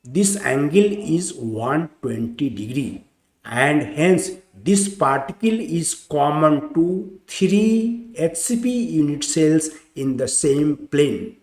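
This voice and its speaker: A man teaching chemistry in a slow, deliberate lecture, repeating each point step by step. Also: fairly high pitch, expressive, a little mellow, reverberant.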